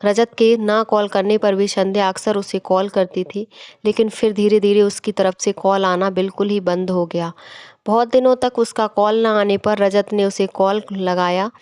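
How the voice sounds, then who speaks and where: A woman reading a scripted moral story aloud in an even, measured way. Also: medium pitch, clean tone, no room sound, studio quality. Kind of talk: scripted narration.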